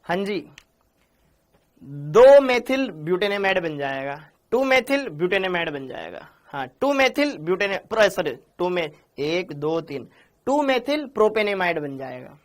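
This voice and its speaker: During a live online chemistry class, a man with a high, sing-song voice speaks unhurriedly. He is chatty and repetitive, repeating answers, calling his students beta and praising them by name.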